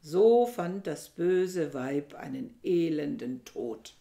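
A woman reading a novel aloud with measured, dramatic storytelling. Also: deep voice, expressive, vocal fry, mellow. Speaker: reader. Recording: echoey room.

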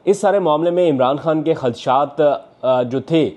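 Talking at a measured pace in a fairly high, slightly mellow voice, a young Pakistani political journalist vlogs indoors from his living room via lapel mic. His analysis is earnest, peppered with "uh" fillers and accompanied by hand gestures.

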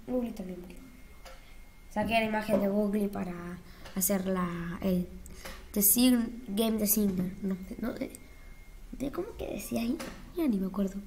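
A woman's voice: medium pitch, moderate pace, pauses often, dark tone, a little hiss or hum. A young woman, chatting casually as she talks herself through editing block textures, with flustered exclamations. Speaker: YouTuber.

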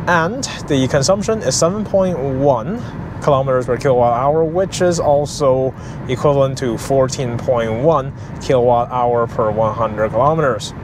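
A man casually narrating an electric car road trip vlog, explaining things with frequent ums and uhs, recorded in a car and outdoors in a parking lot. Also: medium pitch. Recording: noisy outdoor vehicle ambience.

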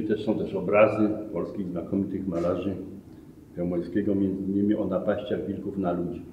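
A middle-aged man with a lowish voice explains animals as a museum guide, patiently and step by step. He stands a few meters from the camera in a museum hall, so the sound is roomy and distant. The recording is thin and phone-like, with faint noise. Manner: explanatory, with self-corrections. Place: museum hall among glass display cases. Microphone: camera a few meters away.

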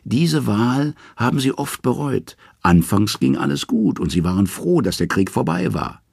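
A man voicing the severed head of a wise old man, speaking in a measured, sorrowful way. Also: mid-range voice, big pitch swings, vocal fry, darkish tone, slightly rough, no echo, clean studio sound, pitched above the performer's own voice, full character voice. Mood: grave. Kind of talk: storybook reading.

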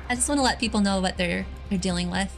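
A woman streamer chatting casually while she plays a game, playful, cutesy and quick to apologize. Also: mid-range voice. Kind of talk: casual gaming livestream chat.

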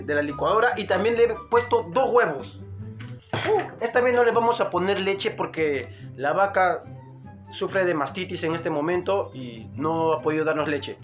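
A man's voice: high voice, fairly bright tone. A man with a Peruvian accent hosting a playful, jokey mock cooking show from his home kitchen. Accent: Peruvian Spanish. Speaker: comedic vlogger.

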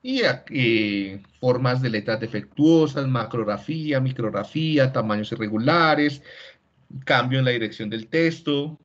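Male lecturer, middle pitch, patient explainer, lo-fi call audio. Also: measured pace. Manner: explanatory, tags many lines with "¿sí?". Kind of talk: online class lecture. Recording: dull lo-fi video call audio.

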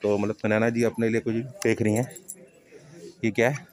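A man's voice: fairly low pitch, little pitch movement, normal speed. A man casually vlogging while walking through a large sports store, talking to his subscribers. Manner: chatty, addresses subscribers directly. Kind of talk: casual walk-through vlog. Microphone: handheld phone camera.

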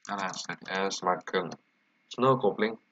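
A man's voice: low-pitched, normal speed, fairly bright tone, dry recording. A man with a congested, stuffy-nosed voice, casually presenting a screencast tutorial as he types. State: congested with a cold, stuffy nose. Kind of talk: casual screencast tutorial, talking while typing. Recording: dull lo-fi mic, clear background noise. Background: keyboard typing and clicking.

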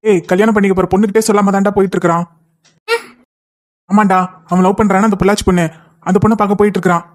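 A man's voice: sits high, level tone, natural voice. A man voicing an anxious young male friend in a cartoon, fretting and complaining. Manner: fretful, fast complaining. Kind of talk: cartoon voice acting.

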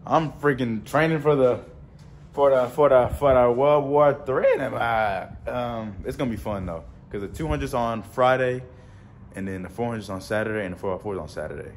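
A man's voice: mid-range voice, normal speed. Playful young man vlogging, noisy background. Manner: playful, joking, slangy. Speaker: track athlete vlogger. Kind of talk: casual vlog talk.

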